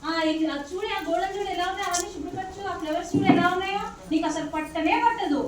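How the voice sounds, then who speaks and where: Shrill, bossy woman giving orders. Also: steady tone, fast talker. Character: bossy, stingy rich lady of the house. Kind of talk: home-made comic skit acting. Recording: echoey room, far from the mic, background noise.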